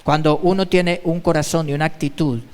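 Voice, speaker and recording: A man's voice: a little high, steady tone, a little fast, darkish tone, in a large hall. A male pastor giving an emphatic sermon, repeating his exhortations. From Colombia. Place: church.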